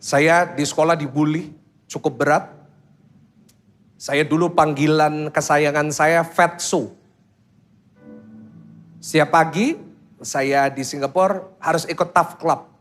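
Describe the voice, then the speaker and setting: A man preaching a sermon as pastor, telling stories, acting out children's voices, and quizzing the congregation with quick questions. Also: fairly high pitch. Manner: storytelling that acts out children's voices.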